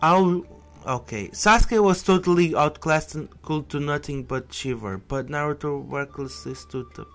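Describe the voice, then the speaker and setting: A man's voice: on the high side, moderate pace, a bit bright. Young man, let's-play commentary, rambling restarts, headset mic, faint game music. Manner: rambling, many restarts and repetitions, exclaims at the game. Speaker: gameplay commentator. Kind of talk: casual let's-play commentary, reading on-screen text aloud. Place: indoors at his computer.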